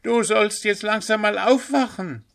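Storybook hares, teasing, yelling at full volume, very high; male narrator's put-on voice. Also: unhurried, creaky, full character voice. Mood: mocking. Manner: yelling as loud as they can. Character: bunch of loud, mocking hares. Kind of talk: storybook character voice.

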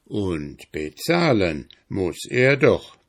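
A man's voice: deep voice, sing-song, very slow, heavily acted. A man voicing a crafty, bossy male hedgehog in a fairy tale. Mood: scheming. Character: sly, gruff male hedgehog.

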